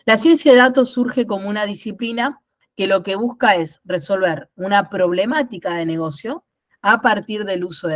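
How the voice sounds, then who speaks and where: A woman's voice: mid-range voice, no echo. A woman from Rosario speaks with a Rosario Argentine accent as she leads an online workshop, explaining ideas step by step and checking in with her listeners. She sounds like she is in her thirties. The sound is dry and a little dull, as if recorded on a basic online call. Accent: Rosario Argentine Spanish. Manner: explanatory, repeats words and asks "¿no?". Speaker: workshop instructor.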